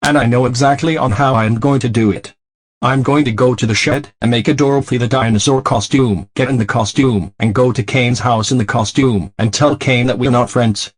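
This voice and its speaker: A man's voice: medium pitch, steady tone, fairly quick, close to an everyday voice. A man voicing a delinquent cartoon car, a scheming troublemaker who stiffly narrates his own plans. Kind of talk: scripted cartoon monologue.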